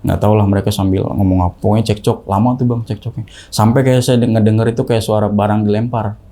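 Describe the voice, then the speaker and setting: A young man telling a ghost story in casual talk, acting out the quoted voices in a higher pitch. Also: quick pace. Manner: animated, acts out the quoted voices with rising pitch. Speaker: guest storyteller.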